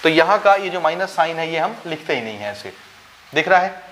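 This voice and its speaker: A man teaches a board-style maths lesson in Chhattisgarh-accented Hindi mixed with English terms, explaining each step and answering his own questions to the class. His fairly high, fairly bright voice swings widely in pitch and runs a little fast, with slight background noise.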